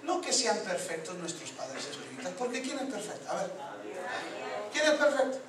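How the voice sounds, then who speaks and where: A man's voice: high voice, sing-song, normal speed, over a noisy crowd. A man preaching a sermon to a congregation that answers him, emphatic and joking as he calls out to the people directly. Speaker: guest preacher. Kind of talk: Pentecostal-style sermon with call and response. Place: church service before a responding congregation. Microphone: distant from the microphone. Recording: echoey church hall from far off, congregation audible.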